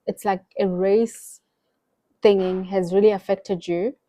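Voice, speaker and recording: A woman's voice: medium pitch, steady tone, a little slow, warm tone. A woman hosting an interview, asking questions hesitantly with many fillers. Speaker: host. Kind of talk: casual interview.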